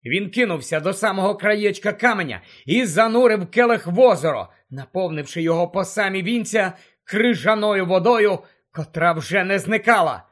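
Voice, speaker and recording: A man with a high voice for his sex reads a fantasy audiobook with urgent, dramatic narration. He drops lower and quieter for the dark passages. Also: expressive, normal speed. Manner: tense, urgent storytelling that drops low and quiet for dark moments.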